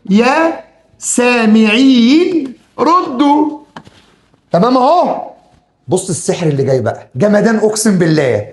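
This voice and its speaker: This classroom Arabic grammar lesson is taught by a man with an Egyptian accent whose voice sits high. He keeps drilling the rules and acts out his students' questions.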